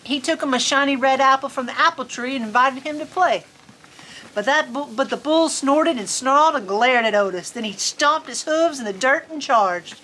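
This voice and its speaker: A bright, forceful, high-pitched woman reads to children at a moderate pace, swinging between folksy storybook narration and playful chat. The poor audio comes from outdoors on a farm in cold weather, with faint ambient noise behind her.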